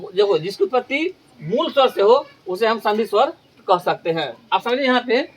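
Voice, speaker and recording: A man's voice: sits high, animated, normal speed. A man teaching a grammar lesson in a classroom style, asking questions and then answering them himself, and repeating key terms.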